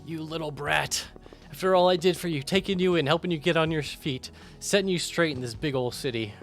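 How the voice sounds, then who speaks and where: A man's voice: a little high, brisk, voice pushed up, natural voice. A man voicing a bitter, self-pitying old man who scolds and calls names as he reads out game dialogue. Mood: bitter scolding. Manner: ranting, name-calling. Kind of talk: video game voice acting over gameplay.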